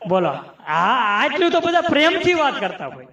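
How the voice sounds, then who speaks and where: A man, his voice pitched very high, works a live folk comedy crowd with teasing, chatty asides. He slips into rhythmic recitations of rhyming sayings. The stage mic carries a roomy echo. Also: very animated, normal speed, sharp tone, lo-fi sound. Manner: chatty, teasing, addresses audience as sir. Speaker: folk humorist.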